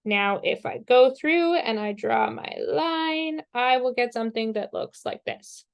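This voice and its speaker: Woman math teacher, somewhat high voice, slow patient step-by-step explainer, has the hiccups. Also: clear, resonant tone. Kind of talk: recorded screen-share math lesson.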